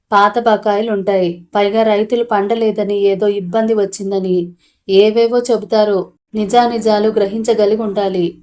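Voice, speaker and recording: Woman storyteller reading a story out, even and calm, soft dark tone. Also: medium pitch. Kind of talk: reading a short story aloud.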